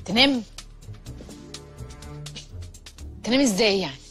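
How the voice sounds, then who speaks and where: An actress playing a bossy, irritable young wife in a film comedy, with an Egyptian Arabic accent and a snappy, complaining way of talking. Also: female voice, fairly high pitch, expressive, rapid-fire, a bit bright, faint music behind. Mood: irritated.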